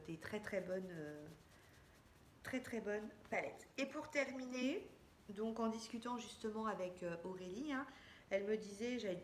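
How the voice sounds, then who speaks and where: A woman in a casual, friendly beauty vlog, chatting straight to her viewers as she shows a makeup haul. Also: medium pitch. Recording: echoey room with faint background hiss.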